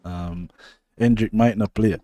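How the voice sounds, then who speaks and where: This podcast co-host is a young man with a Jamaican accent whose warm, fairly low voice stays fairly even and moves a little slowly. His football chat is casual and laid-back, wandering along in loose patois.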